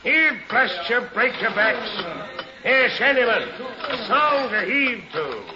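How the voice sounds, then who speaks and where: An actor playing a commanding first mate on a whaling ship in an audio drama, with forceful sailor talk. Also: male voice, very high voice, lively intonation, slow pace, a crowd in the background, heavily acted. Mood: urgent, commanding. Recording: muffled, echoing, loud sound effects behind.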